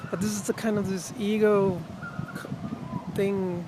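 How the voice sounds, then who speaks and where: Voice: mid-range voice, little pitch movement, measured pace. A vlogger chatting casually and reflectively outdoors with wind on the mic, often trailing off and rephrasing. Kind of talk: casual, rambling personal vlog chat. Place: outdoors in wind, with urban ambience. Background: strong wind noise.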